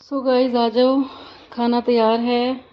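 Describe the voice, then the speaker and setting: A woman's voice: fairly high pitch, flat delivery, slow. A woman, chatting to viewers directly in a casual family vlog. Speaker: vlogger. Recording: slightly dull phone audio with faint noise.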